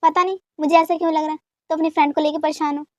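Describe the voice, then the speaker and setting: A woman voicing a concerned mother who probes gently. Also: sits high, flat delivery, rapid-fire, no echo, natural voice. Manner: gently probing.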